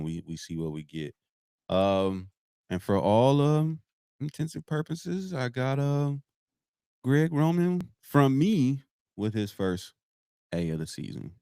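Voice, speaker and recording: Deep mellow-voiced man talking sports. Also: smooth, no room sound, studio quality. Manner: relaxed, drawn-out, many fillers. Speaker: podcast co-host. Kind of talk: casual sports chat.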